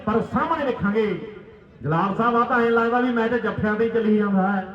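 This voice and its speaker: A man's voice: very high voice, fast, reverberant, muffled recording. A man giving frantic live commentary at a village kabaddi match, chanting short repeated phrases. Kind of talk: live rural sports commentary. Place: outdoor village sports ground.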